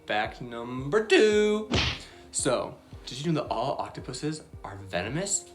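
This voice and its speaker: A woman with a bass voice, very animated yet at a measured pace, hosts a casual Bible lesson for young children. She's bubbly and chatty, full of fillers, over soft background music.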